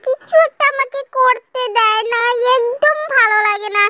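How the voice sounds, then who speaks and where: Squeaky stubborn pet parrot. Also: female voice, normal speed, very noisy. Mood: annoyed. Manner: pleading, sulky childlike talk. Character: cheeky young pet parrot, stubborn and whiny. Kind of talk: comedic pet voice-over.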